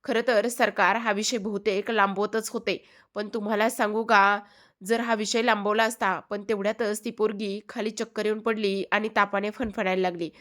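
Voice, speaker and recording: A woman's voice: mid-range voice, flat delivery, moderate pace, fairly bright tone, lightly acted. A woman voicing a scheming, vengeful village priest in a retold serial episode, boastful and threatening.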